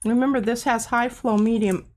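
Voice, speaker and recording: A woman with a higherish, darkish voice and fairly even intonation talks at a moderate pace. She's a craft show host demonstrating art casually in her home studio, chatting and self-deprecating while she works, somewhat stuffy-nosed.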